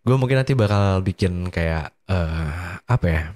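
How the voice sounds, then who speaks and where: A man's voice: expressive, unhurried, a little mellow, no room sound. A tired, drowsy man with an Indonesian accent, chatting casually as the host of a late-night solo podcast. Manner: sleepy, drowsy, low-energy delivery. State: tired and slightly unwell.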